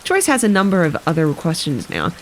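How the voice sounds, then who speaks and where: Woman, live reading stream, animated pitch, frequent slips and self-corrections, faint rain ambience. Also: fairly quick, a little hiss or hum. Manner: breaks off to comment casually. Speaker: streamer reading a novel aloud. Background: soft rain ambience.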